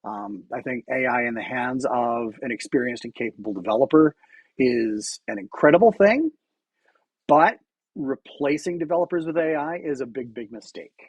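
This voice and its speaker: A man's voice: mid-range voice, animated, moderate pace, husky, dry recording. A man streaming his coding work, talking through it casually while typing, often restarting his sentences. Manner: thinks aloud while typing, with frequent restarts and fillers. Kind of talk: casual live-coding commentary.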